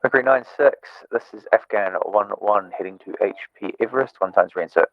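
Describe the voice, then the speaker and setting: Man with a low voice calling over a radio. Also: brisk, no room sound. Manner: clipped call signs, hesitant fillers. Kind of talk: military radio procedure. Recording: dull dry radio sound.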